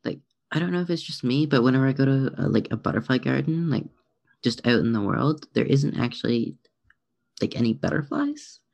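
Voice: medium pitch, animated, a little fast, creaky, a little mellow. A podcast co-host chatting casually about songs, rambling and self-deprecating with hesitant restarts. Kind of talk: casual chat reviewing songs.

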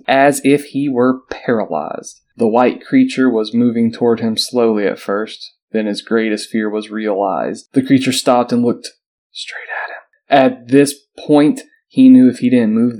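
A man's voice: fairly low pitch, a little mellow. A man hosting a casual podcast, reading a spooky article aloud and breaking off for joking asides. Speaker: podcast host.

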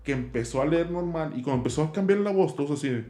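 A man's voice: a little high, expressive, quick pace, mellow, roomy sound. Slangy Mexican man telling stories. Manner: slangy, peppers speech with "güey". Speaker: guest, zombie walk organizer. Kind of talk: casual storytelling chat.

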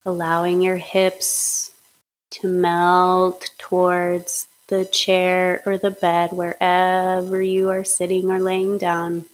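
Slow, flat-voiced woman guiding hypnosis. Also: on the low side, rough recording. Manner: slow, soothing, monotone guidance. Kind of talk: guided hypnosis meditation.

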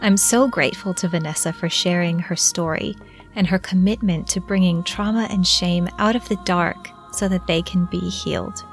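A woman hosting a podcast, introducing her guest and the interview in a gentle, measured, caring way. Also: lowish voice, faint music behind. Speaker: podcast host.

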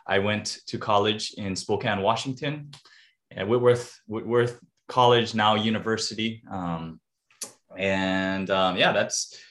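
A man's voice: fairly low pitch, steady tone, a little slow, a bit bright. A man in his forties from Hawaii, a podcast guest talking about himself in an upbeat, enthusiastic way. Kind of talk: casual interview chat.

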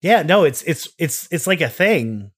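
A man's voice: a little high, big pitch swings, unhurried. Rambling chatty man on a podcast. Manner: rambling, self-interrupting, jokey. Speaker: podcast co-host. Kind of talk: casual chat.

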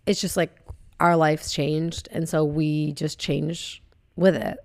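A young woman co-hosting a podcast in casual, rambling chat, her voice low and gravelly with plenty of vocal fry. She talks into a podcast microphone, and the sound is close and dry with no room around it. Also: takes it slowly, dry recording. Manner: relaxed, rambling, many fillers. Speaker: podcast co-host.

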